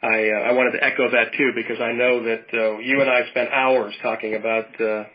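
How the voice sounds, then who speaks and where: A man in his fifties from Western Pennsylvania, talking in an easy, rambling way and circling back on his words as he co-hosts a casual chat. His voice sits at an ordinary middle pitch. The sound is dull and lo-fi, like call audio. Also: little pitch movement, a little fast, a little hiss or hum. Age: 50s. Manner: rambling, warm storytelling with many restarts. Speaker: podcast co-host.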